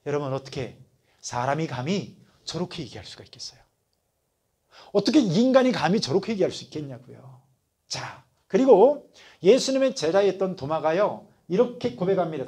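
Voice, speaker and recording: A man's voice: a little high, a little mellow, husky. A male pastor teaching a Bible study class, talking conversationally and often putting questions to his listeners.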